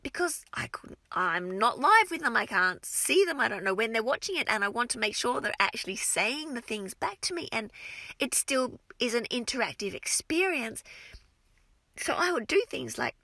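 A woman who teaches French to young children, giving casual advice to other teachers in an expressive, energetic way with frequent restarts. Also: on the high side, normal speed, no room sound.

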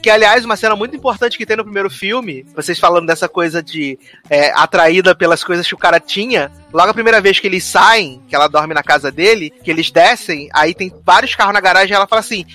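A man's voice: high voice, fast, sharp tone, no echo. A man, a podcast co-host who recaps a film in a casual chat and acts out the quoted lines.

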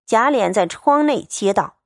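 A woman reads a classic novel aloud with expressive, lively storytelling. Her fairly high voice moves in an animated melody, recorded dry and close. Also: unhurried, no room sound. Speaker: audiobook narrator.

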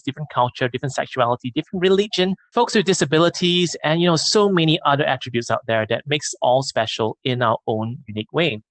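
A man co-hosting a casual podcast, talking in a calm, steady and thoughtful way. His voice sits at an ordinary middle pitch. The recording is dry and close, with no room sound. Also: dry recording, low-quality recording. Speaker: podcast co-host.

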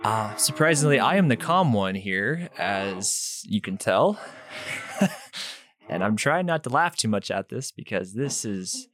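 A man's voice: lowish voice, a bit bright. Chuckling man hosting a sports podcast. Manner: laughs often, amused, loose delivery. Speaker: podcast host. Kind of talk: casual podcast chat.

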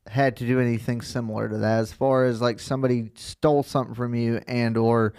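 A man's voice: medium pitch, level tone, a little fast, a little mellow, smooth, no room sound, studio quality. A man hosting a podcast, teasing his guests and saying he is drunk. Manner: teasing, tipsy. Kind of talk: casual chat.

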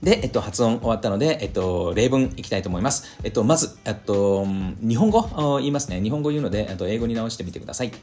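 A man's voice: medium pitch, lively intonation, fast talker, few pauses, a little mellow, soft background music. A middle-aged man giving a casual spoken vocabulary lesson, rambling with many fillers and hesitations. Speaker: English test-prep teacher.

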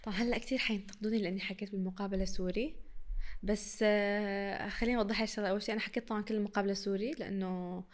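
With a mid-range voice and fairly even intonation, a young woman speaks very fast during a casual podcast interview. She's from Iraq and has a mixed Syrian and Iraqi Arabic accent, blending the two dialects and laughing often.

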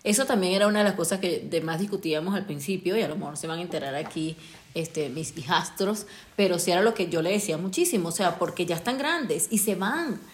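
A Mexican woman in her forties co-hosts a casual family podcast as the mother of the household. She talks in an animated, expressive way and builds her points with lively asides. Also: fairly low pitch, quick pace. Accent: Mexican Spanish.

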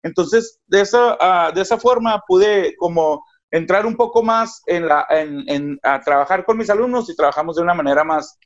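A Mexican man, a teacher, telling a classroom anecdote in a relaxed way. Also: sits high, normal speed. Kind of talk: storytelling in conversation. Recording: dull lo-fi audio.

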